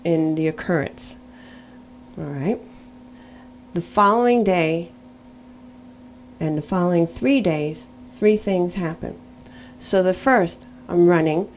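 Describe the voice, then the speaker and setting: A woman's voice: lowish voice, takes it slowly, slight background noise. A middle-aged woman giving a personal faith testimony, earnest and storytelling, now and then spelling words out letter by letter.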